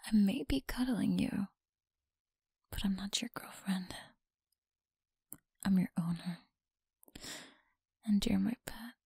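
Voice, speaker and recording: A young woman voicing a teasing, possessive school bully in an ASMR roleplay, speaking in a slow, mocking, breathy whisper close to the mic. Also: medium pitch, mellow, dry recording, full character voice.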